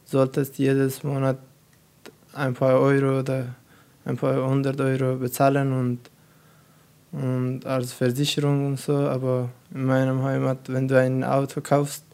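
A teenage boy from Afghanistan, a non-native speaker of German, talking haltingly as a radio guest. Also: mid-range voice, monotone, vocal fry, darkish tone, smooth. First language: not German. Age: teens. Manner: halting, searching for words. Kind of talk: youth radio discussion.

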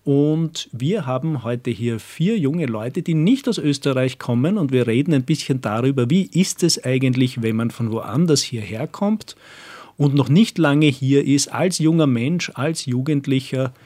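A man's voice: mid-range voice, expressive, measured pace, dark tone. Guy hosting a youth radio talk show, friendly encouraging questions. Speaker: radio host. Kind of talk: radio interview.

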